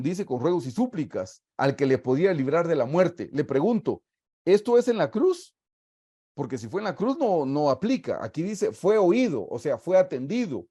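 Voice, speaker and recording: A man's voice: mid-range voice, warm tone. A man teaching a Bible study over a video call, emphatic, asking his listeners questions and repeating his points.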